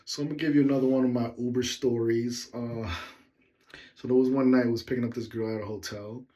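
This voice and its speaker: A man's voice: medium pitch, steady tone, quick pace, mellow. A man telling his own story in a casual vlog, rambling and breaking off to speak to his viewers. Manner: rambling, with side remarks to viewers. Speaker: vlogger telling a personal story.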